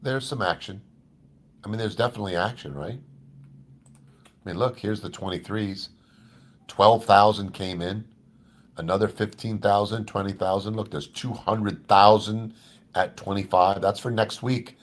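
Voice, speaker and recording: A man's voice: on the low side, steady tone, unhurried, pauses often. A man teaching options trading in a casual live Q&A, thinking aloud and reading figures off a screen. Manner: conversational, thinks aloud with restarts, walks through numbers on screen. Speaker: trading educator.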